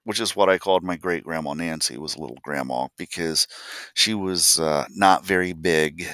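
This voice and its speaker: A man's voice: rumbling low, moderate pace, fairly bright tone, no echo, clean studio sound. An older man from Ohio telling a family story as a vlogger, folksy and blunt, and acting out the voices of the people in it. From Columbus, Ohio, USA. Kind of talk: personal storytelling.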